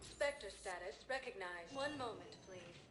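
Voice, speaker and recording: A woman voicing a calm, polite elevator computer in a game, giving even automated announcements over a public-address system. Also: mid-range voice, a little slow, reverberant, very noisy.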